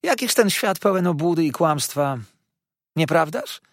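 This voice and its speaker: A man reading an audiobook, voicing a chattering, coquettish little dwarf woman in a high, squealing voice that rattles on with sly gossip. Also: animated, unhurried, no echo, clean studio sound. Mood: flirtatious. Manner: shrill, bustling and gossipy, with sudden high squeals. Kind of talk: audiobook character voice.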